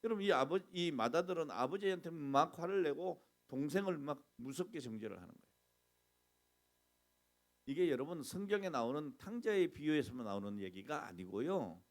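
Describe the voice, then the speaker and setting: A middle-aged man preaching a sermon as pastor, animated, asking the congregation questions and acting out complaints. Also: fairly high pitch, moderate pace.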